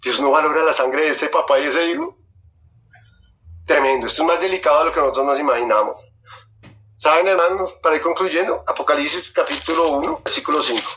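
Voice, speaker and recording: A man delivering a fervent sermon as a guest speaker. His voice sits a little high, with a bright, pressed, forceful tone. He hammers his points home by repeating phrases and speaking directly to his listeners. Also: fairly quick, slight background noise, poor audio. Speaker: guest preacher.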